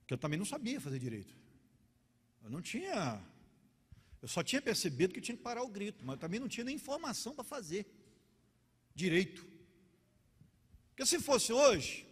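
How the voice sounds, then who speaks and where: A middle-aged man with a Carioca accent, a pastor preaching a sermon and telling stories with lively, acted-out scenes. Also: sits high, moderate pace, pauses often, breathy edge. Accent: Carioca Portuguese. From Rio de Janeiro. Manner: animated storytelling, acting out quarrels. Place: church hall. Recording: long church hall reverb.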